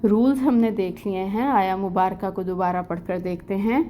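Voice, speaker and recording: A woman's voice: mid-range voice, fairly even intonation, warm tone, a little hiss or hum. A woman with a Pakistani Urdu accent teaching an online tajweed lesson, explaining rules step by step in plain speech. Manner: slow melodic recitation of verses, then plain explaining.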